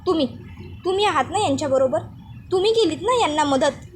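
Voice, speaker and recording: A woman's voice: high-pitched, animated, brisk, a little hiss or hum. A woman voicing a suspicious young man who presses with curt questions.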